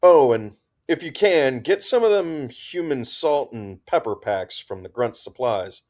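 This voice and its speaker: A man's voice: mid-range voice, lively intonation, measured pace, darkish tone, pitched above the performer's own voice, natural voice. A man voicing a sardonic woman major leading a military squad, speaking drily. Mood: wry.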